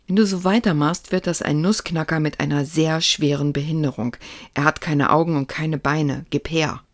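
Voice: medium pitch, fairly even intonation, normal speed, close to an everyday voice. The narrator voicing a gloomy, bossy girl who talks curtly and cuttingly. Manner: curt, dry and cutting.

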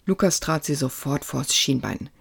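A narrator reading a story aloud in a calm, even storytelling manner. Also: mid-range voice, normal speed, gravelly, breathy edge, no room sound.

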